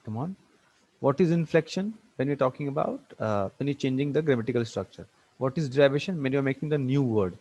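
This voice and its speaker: Male lecturer, mellow and breathy, halting online grammar class delivery. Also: medium pitch, expressive, poor audio. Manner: halting, many fillers and restarts, spells words out letter by letter. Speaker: teacher.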